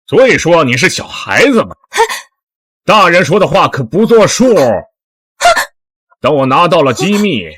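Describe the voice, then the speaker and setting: A man's voice: a little high, big pitch swings, unhurried, long pauses, a bit bright, dry recording, clean studio sound, full character voice. An actor playing a cruel, mocking male kidnapper who sneers and threatens in a drama. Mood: menacing. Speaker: villain. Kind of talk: TV drama acting.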